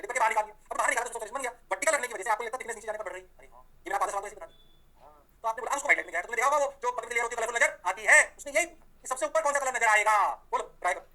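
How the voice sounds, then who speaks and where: A man teaching physics, firing questions and answering them himself. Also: extremely high pitch. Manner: energetic, asks questions and answers them himself, voices the students' replies. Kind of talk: lively classroom lecture.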